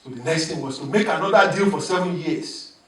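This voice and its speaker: A pastor preaches to his congregation, animated and chuckling as he goes, calling for responses. His voice sits a little high for a man. The church is echoey and he sounds set back from the mic. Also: brisk, recorded from a distance. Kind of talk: sermon.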